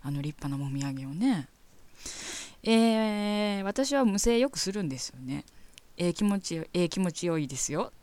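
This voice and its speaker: A woman's voice: on the low side, animated, moderate pace, darkish tone, no room sound. A woman with a Kansai accent hosting a show, chatting frankly and reading listener letters aloud, often breaking into giggles. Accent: Kansai Japanese. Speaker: radio host reading listener mail.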